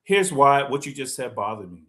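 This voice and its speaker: A talk show host delivers heated commentary in a mid-range, sing-song voice with a fairly bright tone at normal speed. He speaks passionately and builds up to indignant emphasis.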